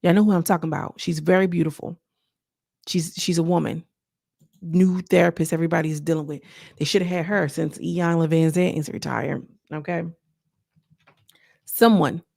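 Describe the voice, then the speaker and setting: Gravelly low-voiced woman, gossipy chat. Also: mellow, dry recording, clean studio sound. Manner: chatty, addresses audience as y'all and girl, trailing restarts. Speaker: reality TV recap commentator. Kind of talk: casual gossipy chat to viewers.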